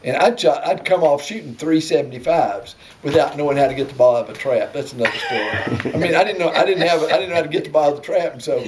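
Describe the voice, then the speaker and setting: A man's voice: on the high side, lively intonation, fast talker, few pauses, a little hiss or hum. An older man with an Appalachian Southern accent, telling rambling, folksy anecdotes in casual conversation. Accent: Appalachian Southern American. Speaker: storyteller sharing family memories.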